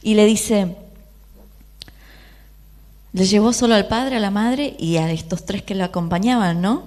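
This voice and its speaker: At a measured pace and in a mid-range voice, a woman delivers a lively sermon in Rioplatense Argentine Spanish. She frequently puts questions to the audience and briefly acts out the quoted voices of the story's characters.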